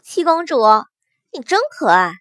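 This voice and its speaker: A woman acts out an aloof, sharp young woman with a bright, raised voice. She is cool but kind and teases lightly, told as a storybook. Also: extremely high pitch, sing-song, a little slow, dry recording, studio quality, voice pushed up, full character voice. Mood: curious teasing.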